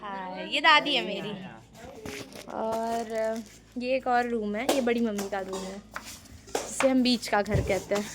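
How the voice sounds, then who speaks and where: A woman's voice: fairly high pitch, slow. A young woman vlogging a casual home tour, chatting playfully to viewers while she walks through a family house. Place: family house, indoors and courtyard. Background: family members talking around her.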